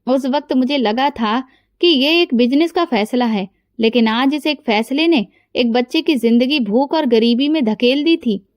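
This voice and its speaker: A woman narrating a scripted first-person story in a steady, emotional way. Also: high-pitched, measured pace, dry recording, clean studio sound.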